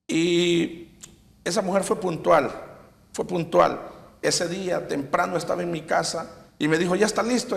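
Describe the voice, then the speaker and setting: A man giving a personal faith testimony, halting and repeating himself as he retells scenes. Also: fairly high pitch, gravelly, in a large hall. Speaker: testimony giver.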